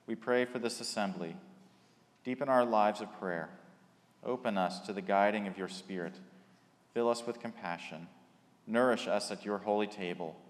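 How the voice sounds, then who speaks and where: A man leading liturgical prayers in a slow, measured way, his voice carried by a long cathedral-like echo in a large church. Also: fairly low pitch, slight background noise. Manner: slow, measured litany delivery. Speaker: worship leader. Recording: reverberant church hall.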